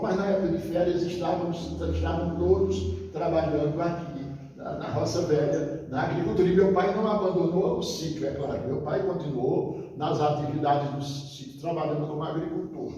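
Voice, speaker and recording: A man's voice: fairly high pitch, mellow, lo-fi sound. An older man from Northeast Brazil telling stories from his childhood in an interview, often stopping to correct himself. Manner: rambling, many restarts, reminiscing. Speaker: interviewee, retired teacher and writer. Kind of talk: relaxed storytelling interview. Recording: echoey, distant, long reverb.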